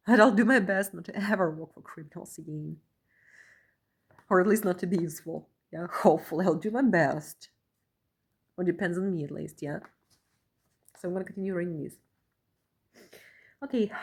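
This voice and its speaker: A woman's voice: mid-range voice, husky. A woman from Russia who talks earnestly while reading a document aloud, often ending phrases with a questioning "yeah?" and repeating herself. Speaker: vlogger, asylum seeker.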